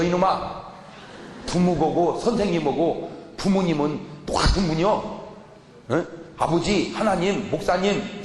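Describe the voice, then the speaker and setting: Fiery preaching pastor, man, echoing hall. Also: on the high side. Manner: animated preaching, asks the congregation questions and answers them; shouts and scolds in mock anger. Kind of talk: sermon. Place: large church hall. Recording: echoey church hall with room noise.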